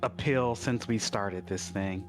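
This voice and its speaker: A man's voice: on the low side, takes it slowly, loud music behind the voice, voice pushed down. A man voicing an exasperated, haughty female astral elf in a tabletop role-playing game.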